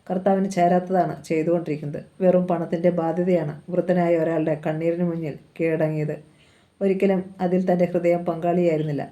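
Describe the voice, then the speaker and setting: Brief: woman narrating a novel aloud, low voice, mellow, steady and calm. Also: brisk, dull audio. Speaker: novel reader.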